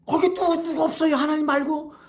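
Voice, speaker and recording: A man's voice: extremely high pitch, sing-song, normal speed, voice pushed up. A man acting out a desperate young student hanging from a cliff edge and crying out for rescue, in a noticeably raised voice. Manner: pleading, shouting for help.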